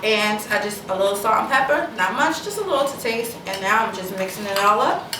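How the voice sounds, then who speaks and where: A woman's voice: medium pitch, expressive, fairly quick, noisy background. A woman hosting her own cooking show, chatting casually as she mixes and tastes in a home kitchen, often repeating herself. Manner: casual, chatty, repeats herself, talks with mouth full while tasting. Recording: echoey kitchen, mic at a distance, clatter of dishes.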